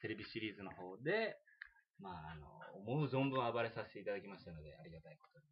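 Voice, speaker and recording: A man's voice: on the low side, very animated, fast talker. A man speaking as a guest actor, hesitant with many fillers and laughing. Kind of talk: casual interview chat. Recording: dull lo-fi stream with faint noise.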